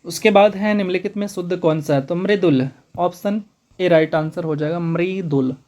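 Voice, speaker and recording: A man teaching a spoken exam-prep lesson, brisk and repetitive, calling his students brother. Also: high voice, darkish tone.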